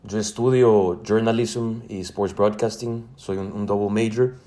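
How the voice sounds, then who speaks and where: A man's voice: on the low side, fairly even intonation, unhurried, mellow. A man in his twenties from El Salvador with a Salvadoran Spanish accent, answering interview questions casually and hesitantly, with many fillers and restarts. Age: 20s. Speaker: student guest.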